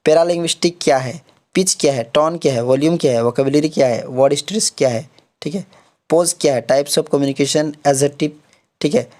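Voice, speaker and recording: Slightly high-voiced man tutoring. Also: fairly quick, darkish tone. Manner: repeats "theek hai" often, mixes English terms into Hindi. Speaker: online exam-prep tutor. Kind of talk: casual explanatory lecture.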